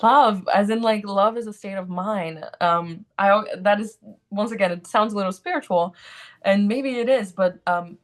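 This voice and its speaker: A Brazilian woman in her twenties, an actor, chats casually as an interview guest, her talk full of "like" and "um." She has a Brazilian accent and speaks at medium pitch and a moderate pace.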